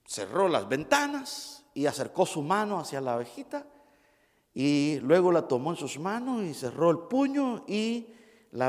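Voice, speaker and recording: A male pastor delivers a sermon in a high, very lively voice that rises and dips dramatically. He tells stories with emotion and swings between ringing emphasis and near-whispers. His voice echoes through a reverberant hall. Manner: emotive storytelling, swings between loud and hushed.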